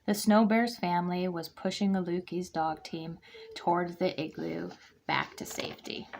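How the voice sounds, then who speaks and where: A woman's voice: fairly low pitch, normal speed, gravelly, a little hiss or hum. A woman reading a children's picture book aloud to a kindergarten class, acting out the character lines. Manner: expressive, acts out character lines. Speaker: guest reader for a kindergarten class.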